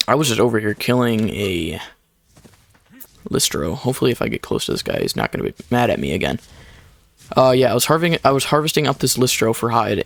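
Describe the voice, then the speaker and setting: Young guy w gravelly voice, chatty game commentary, explaining stuff as he plays. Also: mid-range voice. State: short of breath at times. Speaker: gaming YouTuber. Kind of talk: casual gameplay commentary. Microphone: desk microphone.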